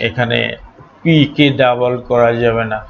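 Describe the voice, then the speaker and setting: Gravelly man teaching a patient lesson. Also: medium pitch, fairly even intonation, lo-fi sound, a little hiss or hum. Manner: deliberate, spells out letters, frequent "ah" fillers. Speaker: English teacher. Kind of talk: explanatory grammar lesson.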